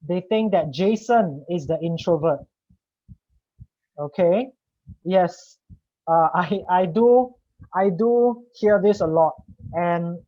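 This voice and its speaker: A man's voice: sits high, dark tone, no room sound, dull audio. A communication coach from Singapore presenting a webinar and explaining ideas to his audience, often checking in with "right?". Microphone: video call.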